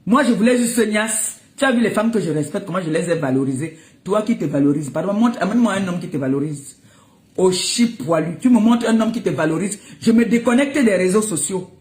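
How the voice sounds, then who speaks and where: A woman's voice: mid-range voice, animated, fairly quick, darkish tone. Scolding woman in an echoey room. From Cameroon. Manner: scolding, mocking, breaks into laughter. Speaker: social media commentator. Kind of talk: heated live rant.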